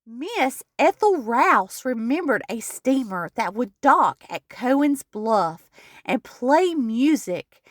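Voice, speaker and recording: A woman narrating a local history travel video in a slow, measured, scripted reading voice, recorded as a close voice-over. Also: a little high, very animated, no room sound.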